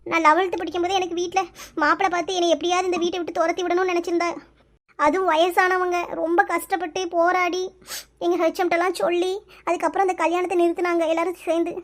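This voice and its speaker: A woman's voice: very high-pitched, level tone. A woman voicing a mistreated young village woman in her twenties in a cartoon, telling her hardships in a tearful, pleading way. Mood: sorrowful. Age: 20s. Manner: tearful, pleading, rapid storytelling. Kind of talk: cartoon voice acting.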